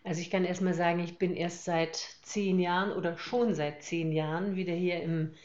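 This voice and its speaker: A woman's voice: on the low side, fairly even intonation, moderate pace, darkish tone, dull audio. Older northern German woman, thoughtful. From Hamburg, Germany. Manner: thoughtful, hesitant with many fillers. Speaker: interview guest, former teacher. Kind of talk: podcast interview.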